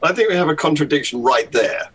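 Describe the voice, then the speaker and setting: A man's voice: a little high, lively intonation, fast talker, fairly bright tone, slightly rough, low-quality recording. A man talking casually as a guest in a discussion, wry and reasoned, often chuckling.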